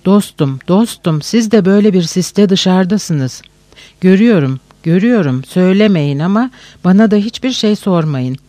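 A man's voice: high voice, lively intonation, moderate pace, dark tone, no room sound. A man voicing a feverish, tearful old male teacher who pours out pleading, repetitive speeches. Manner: pleading, breathless outpouring with repetitions.

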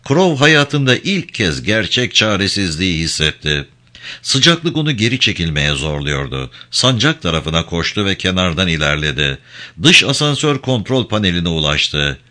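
Lively low-voiced male audiobook narrator. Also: moderate pace. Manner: expressive, dramatic. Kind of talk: dramatic audiobook reading.

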